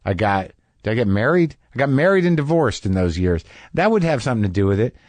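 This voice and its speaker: Middle-aged male podcast host, dry close mic, mid-pitched, rambling and wry. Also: sing-song, fast talker, darkish tone, no room sound. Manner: rambling, self-deprecating, wry. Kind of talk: casual conversational monologue and interview.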